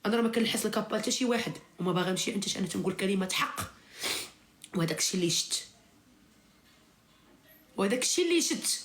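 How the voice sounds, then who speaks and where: A woman's voice: medium pitch, rapid-fire, pauses often. A woman with a Moroccan accent venting in heated informal live chat, insistently repeating her phrases for emphasis. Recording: roomy, echoing sound.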